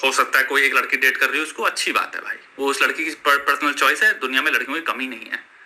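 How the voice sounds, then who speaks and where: A man's voice: mid-range voice, steady tone, fast talker, sharp tone. A man commenting emphatically in a reaction clip, lecturing bluntly and dropping in English phrases.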